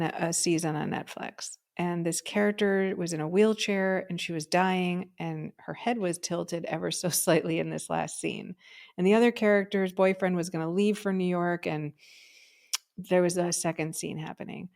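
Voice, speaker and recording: A woman's voice: on the low side, steady tone, normal speed, creaky, a little mellow. A woman co-hosting a podcast, telling a personal story in a chatty way, often tagging "right?" onto her sentences. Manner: chatty, frequent "right?" and "um" fillers. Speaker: podcast co-host. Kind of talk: casual conversational storytelling.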